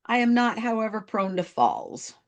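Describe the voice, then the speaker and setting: A woman's voice: on the high side, sing-song, moderate pace, muffled recording. A middle-aged woman co-hosting a podcast, telling a story in casual chat and laughing at herself. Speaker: podcast co-host.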